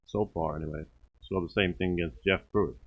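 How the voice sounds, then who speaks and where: New york guy doing color commentary, real low voice, tinny phone sounding audio. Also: steady tone, slightly rough. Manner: analytical, easygoing, a little halting. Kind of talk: baseball commentary.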